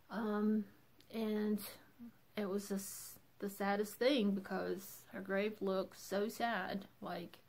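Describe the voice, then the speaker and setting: A woman vlogger talking casually in a subdued morning voice, teary and emotional. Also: mid-range voice. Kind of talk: casual vlog talk.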